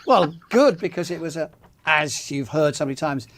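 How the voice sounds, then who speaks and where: Older English man, genial raconteur, slightly high voice, studio chat. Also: expressive, moderate pace, a bit bright. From England. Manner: genial storyteller, dry humor. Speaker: guest, magazine founder and journalist. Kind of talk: casual interview chat.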